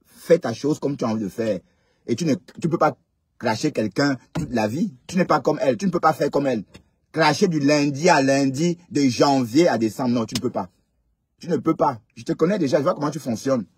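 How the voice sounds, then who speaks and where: A man's voice: mid-range voice, brisk, darkish tone, breathy edge, no room sound, clean studio sound. A man hosting a live stream, chatting casually and lecturing his commenters. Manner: chatty, scolding, addresses commenters directly.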